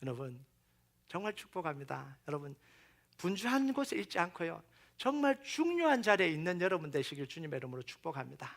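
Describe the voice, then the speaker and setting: A middle-aged man preaching a sermon as pastor, animated, acting out quoted voices and sinking to near-whispers. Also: fairly high pitch, a little fast, vocal fry.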